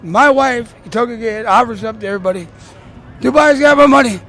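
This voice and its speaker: A man's voice: very high voice, fairly quick, a bit bright, a faint crowd. A man on a busy city street, talking in a rambling, incoherent and combative way. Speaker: passerby. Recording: street noise behind.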